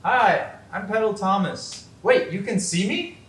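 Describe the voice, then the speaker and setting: A performer in a community stage show, animated and chanting. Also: medium pitch, unhurried, slight background noise. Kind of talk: community stage opera acting. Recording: roomy stage sound from far off.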